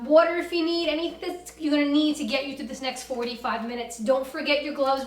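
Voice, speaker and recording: A woman fitness instructor leading a class with brisk, commanding, motivational cues and countdowns. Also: sits high. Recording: roomy echo, distant from the mic.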